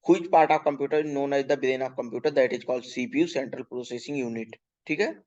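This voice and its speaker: A male teacher going through a children's workbook lesson, reading English questions slowly, explaining in Hindi, spelling words letter by letter and often checking "ठीक है". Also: mid-range voice, darkish tone, highs cut off. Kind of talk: workbook lesson for young pupils.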